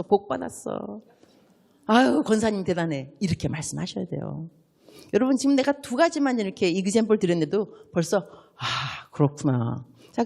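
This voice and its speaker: A woman's voice: lowish voice, vocal fry, a little mellow, slightly rough. A middle-aged woman missionary preaching a sermon, acting out quoted dialogue in different voices and putting questions to the congregation that she answers herself. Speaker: missionary preacher at a revival meeting.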